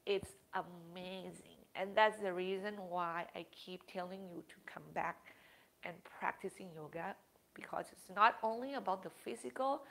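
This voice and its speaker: Slow, earnest woman yoga teacher. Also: mid-range voice, a bit bright. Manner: earnest, drawn-out emphasis on single words; non-native English phrasing. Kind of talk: yoga class talk and guided breathing.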